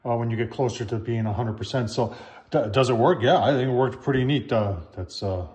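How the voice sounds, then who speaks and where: A man's voice: medium pitch, fairly quick, a little mellow. An older man chatting casually at home in his kitchen, reviewing a product in a folksy way, calling his viewers "folks", with the phone camera close at hand.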